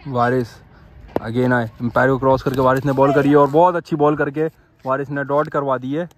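There's a little hiss or hum under this mid-range, fairly quick male voice. A young man from Pakistan gives phone-filmed, ball-by-ball coverage of street cricket on a dirt ground, excitedly repeating himself and addressing the umpire.

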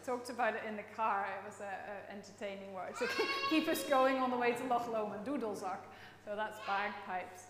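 A woman's voice: mid-range voice, steady tone, moderate pace, hardly any pauses, crowd noise. A woman from the Netherlands with a Dutch accent, giving a playful, chatty all-age talk in church and quizzing the congregation. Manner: playful, chatty, laughs often, quizzes the audience. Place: church sanctuary. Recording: echoey church with long reverb.

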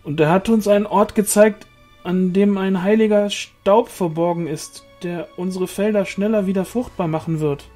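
Timid male peasant, shy and halting, pitched high and strained, voiced by a male reader. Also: fairly even intonation, warm tone, faint music behind, natural voice.

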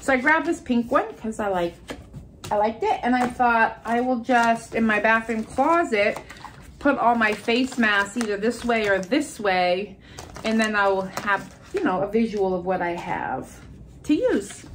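A haul video host, a middle-aged American woman, chats with casual enthusiasm while presenting what she bought, her voice stuffy and congested. She speaks unhurriedly on the high side, with a little hiss or hum audible. The setting is a furnished room inside her home.

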